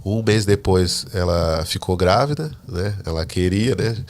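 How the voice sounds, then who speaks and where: A man telling his personal faith testimony as a podcast guest, a lively storyteller who acts out the dialogue he quotes. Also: deep voice, a little slow. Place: living in the United States.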